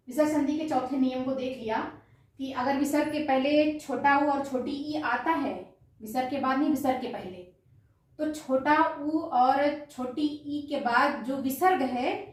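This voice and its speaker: A woman teacher with a high voice runs a grammar lesson for exam prep at a measured pace, asking a question, answering it, and repeating the answer. The room is very echoey and she sounds distant from the mic.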